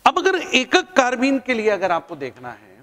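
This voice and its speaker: Lively high-voiced Indian teacher, reverberant. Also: male voice, moderate pace. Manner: playful, chatty teaching with jokes and asides. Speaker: chemistry teacher. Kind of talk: classroom lecture.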